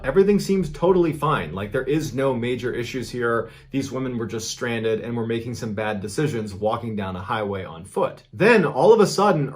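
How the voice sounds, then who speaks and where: A man narrating a strange true story in a casual, conversational way, building suspense with sudden emphatic lifts. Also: mid-range voice. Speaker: storyteller host.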